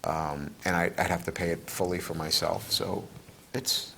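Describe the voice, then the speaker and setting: A man's voice: low voice, steady tone, normal speed, gravelly, bright, forceful tone, slight background noise. A middle-aged man co-hosting a casual talk show, rambling and repeating himself as he gives advice. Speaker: co-host. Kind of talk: casual chat.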